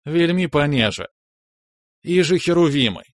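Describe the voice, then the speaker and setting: A man's voice: a little high, normal speed, dry recording, clean studio sound, voice pushed up, close to an everyday voice. A man voicing a playful young woman who giggles and teases. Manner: giggly, mocking. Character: giggly playful schoolgirl friend, Rita.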